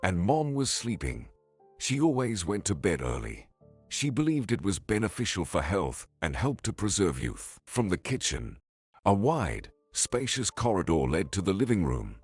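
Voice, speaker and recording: A man reading a suspenseful family story aloud in an expressive, scripted narration. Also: low voice, slightly rough. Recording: faint background music.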